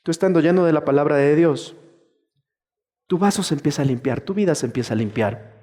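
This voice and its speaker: A male pastor preaching a sermon in a lively way, acting out the voices of churchgoers as he goes. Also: on the high side, fairly quick, big-room sound.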